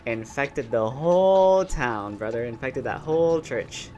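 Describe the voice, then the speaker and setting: A man with a sassy, slangy drag queen manner giving casual reaction commentary, with a show playing quietly behind him. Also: mid-range voice, lively intonation, a little slow, dull audio, slight background noise. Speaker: reaction video host. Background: show audio playing quietly.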